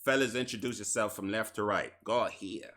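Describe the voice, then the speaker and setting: A man's voice: on the low side, normal speed, fairly bright tone. A man hosting a casual podcast chat, laid-back and slangy, leading the talk. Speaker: podcast host.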